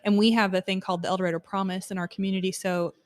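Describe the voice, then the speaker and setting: A woman's voice: medium pitch, little pitch movement, racing. Friendly woman podcast guest. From Arkansas. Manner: friendly, chatty, laughs easily. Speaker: guest, instructional design coordinator. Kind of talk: conversational interview answers. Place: conference hotel.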